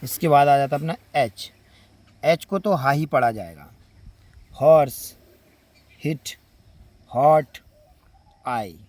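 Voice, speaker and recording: A man's voice: mid-range voice, lively intonation, no echo. A man with an Indian Hindi accent teaching English letter sounds, repeating example words one by one. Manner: slow, drawn-out word-by-word pronunciation drills. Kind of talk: spoken phonics lesson.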